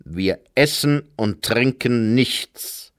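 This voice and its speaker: A man playing a cold, suspicious official from a storybook, sharp-voiced and clipped. He speaks slowly and flatly, as if reading from a list. The sound is dry. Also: lowish voice, no room sound. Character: cold, suspicious gray-suited male official.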